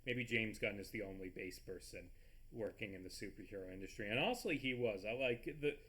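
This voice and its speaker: Hosting a gaming video, a man with a blocked nose rambles excitedly over game footage, swearing often and stumbling over words. His voice is fairly low and he talks a bit quickly.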